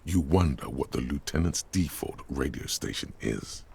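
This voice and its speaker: An actor narrating a video game in the second person, measured and ominous. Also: male voice, very deep voice, animated, creaky, darkish tone, breathy edge, full character voice. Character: gravelly omniscient male game narrator.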